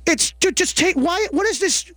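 A male comedy co-host rambles through casual, slangy banter. His voice is notably high for a man, and the sound is close and dry. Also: animated, moderate pace, pushed and bright, no echo.

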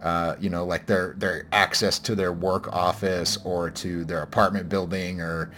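A man's voice: low voice, little pitch movement, unhurried, a bit bright, a little hiss or hum. A man hosting a casual podcast discussion, talking in a rambling, self-correcting, wry way. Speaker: podcast host.

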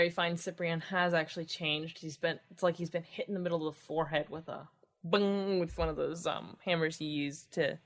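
Wry chatty woman co-host. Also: lowish voice. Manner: chatty, wry, retells the plot. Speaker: podcast co-host. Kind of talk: casual chat.

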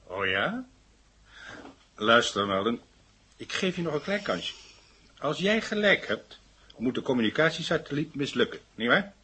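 A man's voice: mid-range voice, big pitch swings, unhurried, pauses often, pushed and bright, slight background noise. A man voicing a stern, skeptical police inspector questioning a suspect. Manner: dry, skeptical, authoritative.

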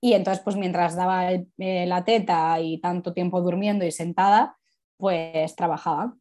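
A woman's voice: on the low side, steady tone, normal speed, mellow. A woman sexologist, reflecting candidly in a casual interview and rambling through many asides.

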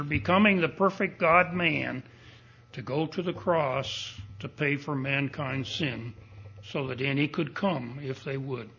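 A man preaches at a pulpit microphone in a church. His voice sits somewhat high and sounds husky, and he speaks slowly and deliberately, pressing each point with emphasis. The recording is dull and muffled. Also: fairly bright tone. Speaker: pastor. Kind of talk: expository sermon. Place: church sanctuary.

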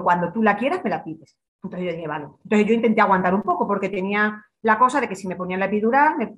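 A woman's voice: mid-range voice, lo-fi sound. A young adult woman from Extremadura, a podcast guest who tells her story in a casual interview and acts out her own past words. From Extremadura, Spain.

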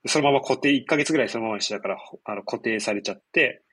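A man in his twenties with a nasal, stuffed-up, husky voice, chatting casually as a podcast host in a rambling, explanatory way. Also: medium pitch, racing, fairly bright tone. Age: 20s. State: congested after nose surgery. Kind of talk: casual chat.

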